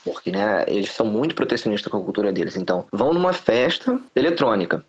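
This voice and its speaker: A man's voice: on the low side, animated, fast talker, breathy edge, muffled recording. A man with a Brazilian Portuguese accent talking bluntly and with slang in a casual podcast conversation, giving strong opinions. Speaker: podcast guest.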